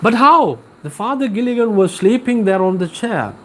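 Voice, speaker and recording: A man's voice: high voice, lively intonation, moderate pace, a bit bright, slight background noise, poor audio. A man teaching an English class live, explaining a poem with repetition and questions to his students.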